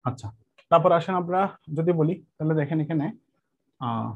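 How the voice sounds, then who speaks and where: A man's voice: on the high side, slightly rough. Muffled man teaching a grammar lesson. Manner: patient, repeats each step with "ঠিক আছে?" checks; slows to spell out examples. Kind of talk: exam-prep grammar lesson. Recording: muffled lo-fi sound.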